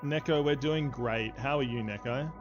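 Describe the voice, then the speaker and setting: A man's voice: medium pitch, moderate pace, lo-fi sound, loud music behind the voice. A man acting as dungeon master and stream host, chatting casually and joking with his players and chat. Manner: jokey, playful banter with chat. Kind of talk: casual livestream chat, narrating a tabletop game.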